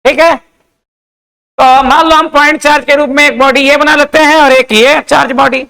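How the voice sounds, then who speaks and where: A male physics teacher giving a classroom lecture. He asks questions, answers them himself, repeats key points and dictates definitions slowly. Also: very high-pitched, steady tone, vocal fry, bright, forceful tone, poor audio.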